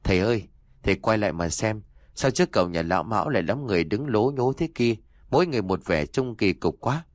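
A frightened young apprentice, as a male narrator puts him on, talking quickly in an uneasy whisper. His voice is low and dry. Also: expressive, no room sound, natural voice.

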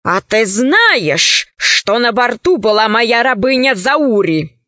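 A woman's voice: on the high side, sing-song, slow, bright, forceful tone, no echo, full character voice. A woman voicing a fat, lazy, overbearing man who bosses his younger brother in a lazy, drawling way. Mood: domineering. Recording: dry, dull lo-fi recording.

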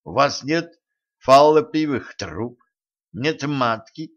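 A man doing a calm tactful doctor, slow. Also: medium pitch, pitched above the performer's own voice. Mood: soothing, pondering. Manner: slow, measured, hesitant. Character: calm, tactful, slightly guilty male doctor. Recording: dull lo-fi recording.

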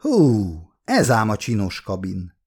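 A man's voice: on the low side, wildly swooping pitch, darkish tone, husky, full character voice. A man reading as a wisecracking male scientist. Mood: wry. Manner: joking, wry. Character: joking cocky male scientist. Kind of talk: audiobook character reading.

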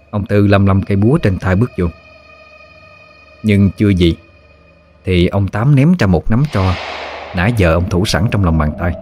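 A man with a Southern Vietnamese accent narrating a scripted horror story in a steady, measured way. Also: low voice.

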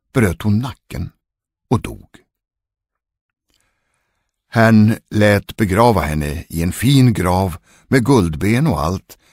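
A man narrating a ghost story in an expressive, gravelly voice. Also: sits low, no echo, studio quality.

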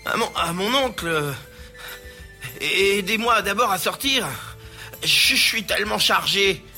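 A man doing a timid high young boy. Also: lively intonation, measured pace, bright, forceful tone, long reverb tail, faint music behind, exaggerated voice. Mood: pleading. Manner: hesitant, stammering. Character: naive timid poor boy, devoted to his mother.

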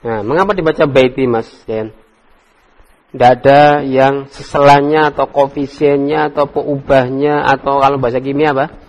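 A man teaching Arabic grammar in a casual classroom lesson, relaxed and joking as he coaxes students by name. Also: medium pitch, normal speed, highs cut off. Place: study circle classroom.

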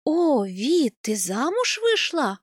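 A woman's voice: sits high, big pitch swings, takes it slowly, no room sound, studio quality, voice pushed up, full character voice. A woman voicing a blunt, hot-tempered young woman warrior who mocks and demands answers. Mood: mocking. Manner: sharp, mocking, demanding.

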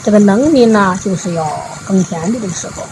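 A woman giving a Buddhist dharma talk, retelling a parable in a folksy storytelling way, with frequent drawn-out filler particles. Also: medium pitch, noisy background. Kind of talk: storytelling sermon.

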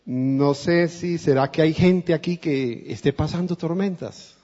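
A man's voice: a little high, measured pace, dark tone. A man with a Colombian accent preaching a sermon as a guest preacher, speaking earnestly and directly to the congregation. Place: church. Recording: dull lo-fi recording in a reverberant church.

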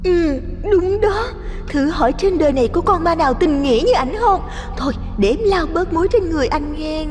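A drowned female ghost, acted by a woman, coaxing in a sugary, very high voice. Long reverb trails her words over faint music. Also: animated, fairly quick.

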